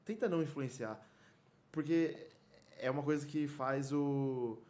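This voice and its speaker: Brazilian male podcast co-host, mid-range voice, halting and informal. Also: medium pitch, darkish tone. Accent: Brazilian Portuguese. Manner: halting, restarts often, chuckles. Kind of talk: casual chat.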